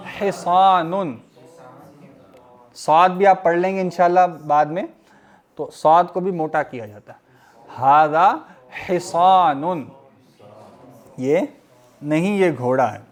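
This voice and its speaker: Slow, deliberate male teacher. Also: fairly high pitch, faint music behind. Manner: slow and deliberate, reads Arabic words then explains them. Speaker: Arabic teacher. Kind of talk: recorded lesson.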